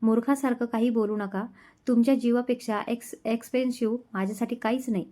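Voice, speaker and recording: A loving young wife in a romance story, gently bossy and pleading, as a woman reads her lines. Her voice rides fairly high, soft and earnest throughout. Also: fairly even intonation, fairly quick, close to an everyday voice. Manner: affectionate, pleading.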